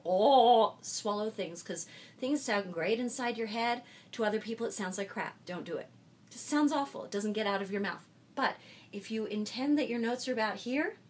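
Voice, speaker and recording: A middle-aged woman singing teacher giving a frank, jokey vocal lesson and singing short vowel exercises between her explanations. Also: mid-range voice. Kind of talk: casual vocal lesson with sung demonstrations. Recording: slightly distant mic with faint room noise.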